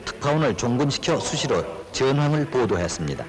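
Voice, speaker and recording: A man's voice: mid-range voice, sing-song, fairly quick, heavy background noise. A man reading scripted narration for a newsreel retrospective. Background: music.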